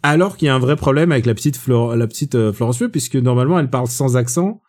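A man co-hosting a casual film review chat, opinionated and gently teasing. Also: mid-range voice, fast.

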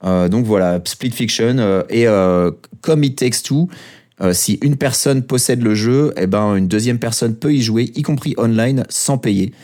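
Co-hosting a laid-back podcast, this man talks in a mellow mid-range voice at a measured pace. Frequent hesitations and fillers don't dampen his enthusiasm.

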